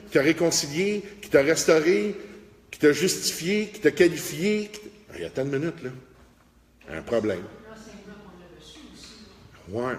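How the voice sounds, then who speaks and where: A man preaching a lively Bible study with a Québécois French accent, breaking into shouted praise words. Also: a little high. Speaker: pastor. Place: church. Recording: echoey church hall, faint noise.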